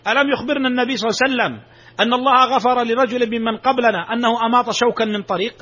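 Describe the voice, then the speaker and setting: Fast, bright-voiced preacher. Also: male voice, very high voice, fairly even intonation. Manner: emphatic, rising sharply on exclamations. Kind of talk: sermon. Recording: dull lo-fi recording.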